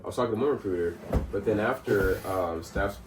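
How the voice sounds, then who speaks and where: Picked up off-mic in a roomy space with faint noise, a fairly low-pitched, brisk man co-hosts a casual podcast. He rambles through a story, laughing often and full of fillers and restarts.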